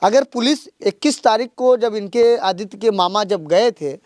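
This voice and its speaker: Casting male field reporter, high voice, dry close sound, pressing questions. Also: moderate pace, darkish tone, no room sound. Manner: questioning, then urgent accusatory report. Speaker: local news reporter. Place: outdoors in a village.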